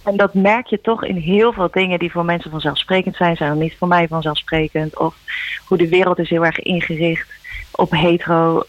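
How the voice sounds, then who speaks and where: A woman, a musician guest, talking earnestly and reflectively in halting phrases, heard over a phone line in a radio interview. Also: on the low side, fairly even intonation, dry recording. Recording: dull dry phone line.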